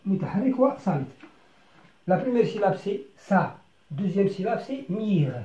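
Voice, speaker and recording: A teacher leads a beginner French lesson, switching to Arabic to explain it, and pronounces each word slowly, syllable by syllable, repeating it. The voice rises and falls a lot but stays mellow. The recording is roomy and a little dull. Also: medium pitch, very animated. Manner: slow and deliberate, breaking words into syllables and repeating them.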